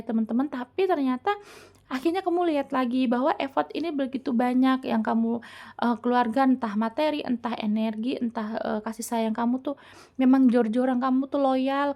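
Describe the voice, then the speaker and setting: A woman's voice: sits high, a little mellow. A woman giving a casual tarot reading, chatty and full of fillers and restarts as she talks to her viewers like friends. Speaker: tarot reader.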